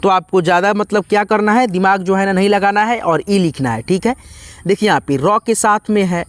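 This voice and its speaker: Guy teaching english spelling, slow letter by letter, keeps saying theek hai, dry close sound. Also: high-pitched, dry recording. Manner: slowly spells out letters, often adds "theek hai" to check in; addresses viewers as friends, patient and repetitive. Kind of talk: step-by-step spelling lesson.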